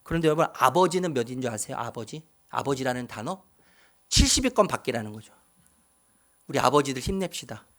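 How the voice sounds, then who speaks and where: A pastor preaching a sermon, asking the congregation questions and repeating key words for emphasis. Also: male voice, high-pitched, fairly bright tone.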